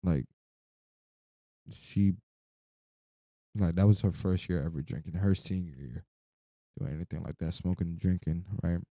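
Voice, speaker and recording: A man's voice: sits low, unhurried, long pauses, dark tone, dry recording. A young man, sleep-deprived and drowsy, rambling casually through a personal story in loose slang with some swearing.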